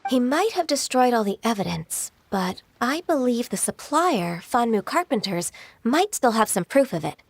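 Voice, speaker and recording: An actress playing a polite, earnest female official with a gentle, courteous manner. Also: fairly high pitch, sing-song, moderate pace, creaky, no room sound, full character voice.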